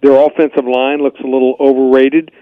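A man's voice: mid-range voice, little pitch movement, a little fast, clean tone, no echo. A man giving sports betting analysis as a guest on a radio show. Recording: slightly dull, dry radio link.

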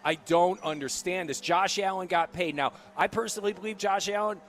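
A man co-hosting a sports talk radio show from a casino sportsbook, speaking in an enthusiastic, animated way. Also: sits high, a little fast, slight background noise.

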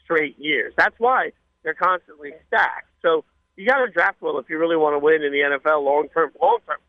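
A man's voice: a little high, moderate pace, dry recording, narrow, tinny audio. A man appearing as a radio guest, telling casual anecdotes in a chatty, rambling way.

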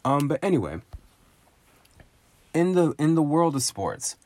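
A man's voice: a little high, very animated, unhurried, a little mellow, no room sound. A man in a casual solo monologue, sardonic and profane, riffing with emphatic asides.

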